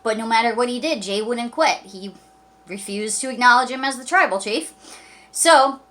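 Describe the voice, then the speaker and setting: A woman's voice: on the high side, moderate pace, fairly bright tone. A woman recapping a wrestling show in a casual vlog, talking enthusiastically with many fillers and acting out quoted lines. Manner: acts out quoted lines in a mock voice.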